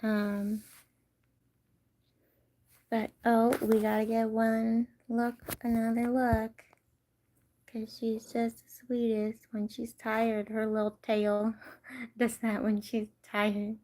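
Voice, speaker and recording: A young woman from California chatting casually with her livestream viewers, soft-spoken and often slipping into whispers. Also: a little high, monotone, slow, long pauses. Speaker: livestream host.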